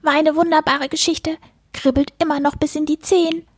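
A woman voicing an excitable, lisping little male creature that eats books, in a storybook reading. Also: moderate pace, no room sound, lightly acted. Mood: chatty. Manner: high, gushing, savoring words.

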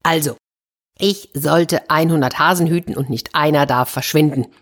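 A clever young fairy-tale hero talks slyly and easily, sure of his tricks, as a woman reading the story gives him voice. The voice is low with a husky edge. It suits a storybook told to children. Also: moderate pace.

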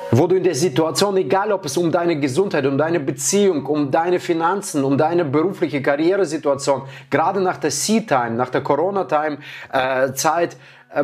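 Motivational male coach with soft music. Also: a little high. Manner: rhetorical questions, repeats key phrases. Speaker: life coach. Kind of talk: motivational talk.

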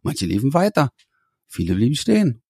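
Here a male musician talks through his interview answers with animation, frequently breaking off and starting over while hunting for the right words. He has a husky, mid-range voice at a moderate pace, recorded in a studio with no echo.

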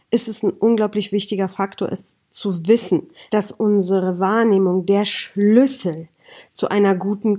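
A woman's voice: mid-range voice, a little mellow. A woman hosting a podcast, explaining points in lists and speaking directly to her listener. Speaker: podcast host. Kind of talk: informal podcast lecture.

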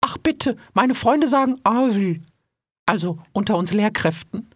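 A woman's voice: mid-range voice, expressive, unhurried, slightly rough, dry recording, studio quality. A woman playing a polite little mouse. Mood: grateful. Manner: very polite, formal and eager. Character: polite, chatty female mouse surveyor. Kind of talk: audio drama acting.

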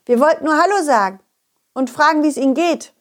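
A woman's voice: high-pitched, fast. A woman telling a children's story in a playful, coaxing way.

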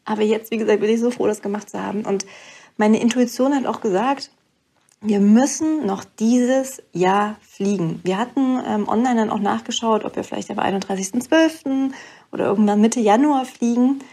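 A woman's voice: a little high, moderate pace, mellow. A young woman, a mother, telling a personal story in an earnest, emotional way, with many fillers and restarts. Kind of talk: reflective personal monologue.

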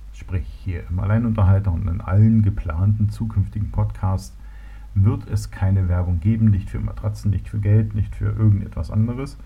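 A deep, slightly breathy male voice belongs to a podcast host from Berlin, Germany, chatting casually on his own solo show. He sounds relaxed but hesitant, with lots of fillers and restarts, and the recording has a tinny, phone-like quality.

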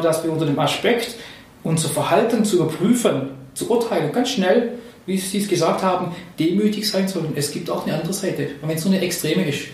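A man's voice: high voice, darkish tone. A man hosting a podcast, explaining and asking questions like a leadership trainer. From Swabia, Germany. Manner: explanatory, asks questions, coaching tone. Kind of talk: conversational podcast talk. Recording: very echoey room, distant mic.

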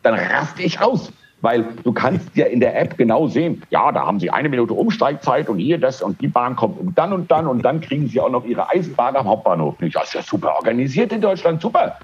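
Male co-host, husky, very animated delivery, slightly dull lo-fi sound. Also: medium pitch, fairly quick, hardly any pauses. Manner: animated ranting, frequent hesitations. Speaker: podcast co-host. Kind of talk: casual chat.

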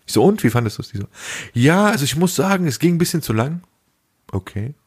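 This young podcast co-host talks quickly in a slightly high, sing-song, somewhat rough voice. He keeps things casual and slangy, animating his anecdotes by performing the lines of dialogue.

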